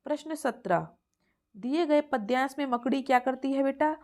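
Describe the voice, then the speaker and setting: A woman's voice: high-pitched, moderate pace, darkish tone. A woman teacher goes through exam questions for young children. She is patient, repeats each answer and calls the listener "beta".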